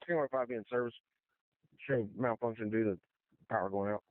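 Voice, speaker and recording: A man's voice: mid-range voice, quick pace, no room sound. A man giving terse, procedural status reports over emergency radio, in the manner of police radio. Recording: tinny phone-like radio channel.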